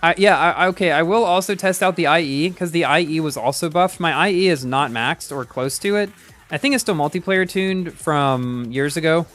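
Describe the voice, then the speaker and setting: A man's voice: fairly high pitch, normal speed, fairly bright tone, faint music behind. A man streaming a racing game live, chatting casually and reacting aloud as he plays, often restarting his sentences.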